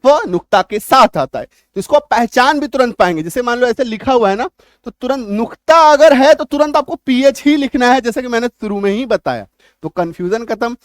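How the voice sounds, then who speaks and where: A man's voice: very high voice, expressive, a little fast, no room sound, studio quality. A man teaching an English spelling lesson, explaining with everyday examples and checking often that his students follow.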